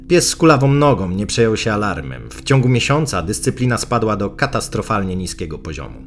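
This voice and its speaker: Lively male audiobook narrator. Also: lowish voice. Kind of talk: first-person audiobook narration.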